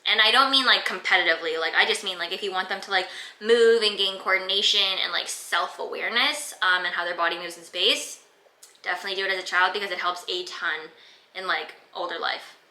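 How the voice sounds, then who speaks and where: Speaking briskly in a mid-range, sharp-toned voice, this Canadian woman of twenty-five runs a casual fitness Q and A from her room, full of fillers. The audio is poor and sounds roomy.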